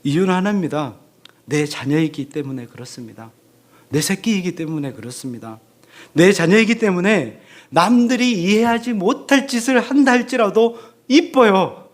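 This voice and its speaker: Animated male pastor preaching a sermon. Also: high-pitched, normal speed. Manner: animated, acts out quoted parents' voices. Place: church sanctuary.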